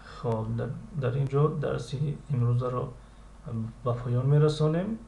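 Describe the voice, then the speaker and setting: Gravelly man teaching English slowly. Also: medium pitch, dark tone. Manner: slow, deliberate model readings of English phrases, then explanations; frequent hesitation fillers. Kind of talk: recorded language lesson. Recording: echoey room with faint ambient noise.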